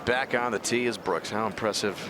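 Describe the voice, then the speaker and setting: A man giving measured golf commentary as the lead anchor of a live tournament broadcast. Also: on the low side. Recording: outdoor broadcast with clear background noise.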